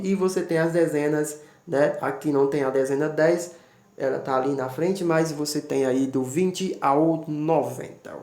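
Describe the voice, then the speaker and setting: Male teacher, fairly high voice, patient, spells things out, recorded in a roomy echo. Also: vocal fry, a little mellow. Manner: patient, repeats "né?" often, spells words out letter by letter. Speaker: English teacher. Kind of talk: explaining English numbers to students. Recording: echoey room.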